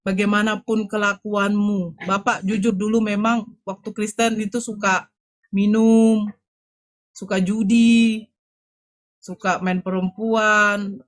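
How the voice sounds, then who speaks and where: A woman's voice: little pitch movement, slow pace, long pauses. Woman telling a family story. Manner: acts out quoted voices, jumping higher for others' lines. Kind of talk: personal storytelling.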